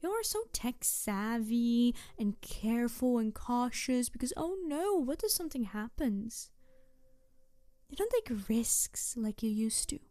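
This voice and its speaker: Speaking right to the listener, a woman plays an excitable, mischievous tanuki trickster in an audio drama roleplay, flirting, teasing, and getting huffy easily. She talks slowly in a fairly high voice, and there's no echo. She sounds playful and mischievous.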